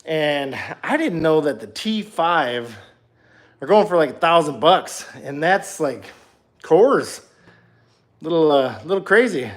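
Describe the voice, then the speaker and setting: A truck-building livestreamer in his thirties, a Minnesotan with a matching accent, talks casually into his phone from his home garage, wandering off topic and making fun of himself. His voice is slightly high, expressive, and slow. The phone starts at arm's length and is later set down away from him.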